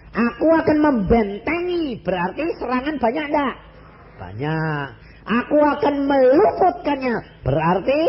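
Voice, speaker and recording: A man's voice: extremely high pitch, muffled recording, a little hiss or hum. A man with a Javanese-inflected Indonesian accent preaching a sermon as an evangelist, questioning the congregation and slipping in Javanese phrases.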